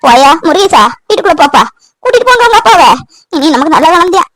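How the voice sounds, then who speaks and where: Cartoon village mom, voiced by a woman, super high voice, soothing and pleading. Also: very animated, fast, a bit bright, no echo, heavily acted, poor audio. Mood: bustling. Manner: pleading, soothing, then bustling. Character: tearful devoted village wife and mother. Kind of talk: animated family drama voice acting.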